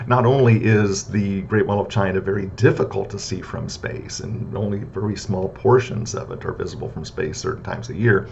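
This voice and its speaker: Male lecturer, lowish voice, casual and chatty, lots of fillers, slightly dull lo-fi recording with faint rumble. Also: normal speed, vocal fry, hardly any pauses, darkish tone. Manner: conversational, frequent "right?" and "uh" fillers; repetitive list-like debunking of myths. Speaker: philosophy lecturer.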